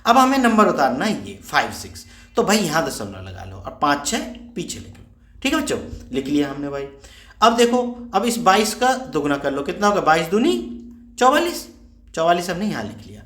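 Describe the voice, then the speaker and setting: A man with a high, very animated voice walks students through a maths problem on a board. He keeps checking that they follow along, and his voice rings in an echoey room. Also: brisk. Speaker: maths teacher. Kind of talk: whiteboard maths lesson.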